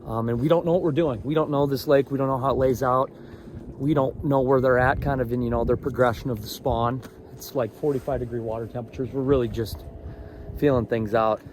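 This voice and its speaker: Excited man vlogging from a fishing boat. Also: medium pitch, fairly quick. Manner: excited, chatty. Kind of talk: casual outdoor vlog. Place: out of doors on a boat on a lake. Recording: light outdoor noise.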